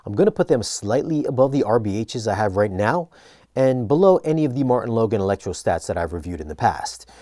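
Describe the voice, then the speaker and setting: A man narrating an equipment review in a conversational but scripted, measured, explanatory way. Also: fairly low pitch, sing-song, mellow, no room sound, clean studio sound.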